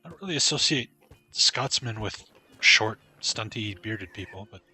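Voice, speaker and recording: Bright-voiced male game streamer. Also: lowish voice, moderate pace, husky, faint music behind. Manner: relaxed, reads game text aloud. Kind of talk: casual gameplay commentary.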